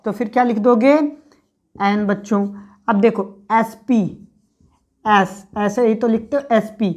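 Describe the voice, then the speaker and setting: Woman teacher drilling grammar to students. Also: a little high. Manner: repeats questions to students and answers them; sounds out letters slowly. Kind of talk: classroom grammar lesson.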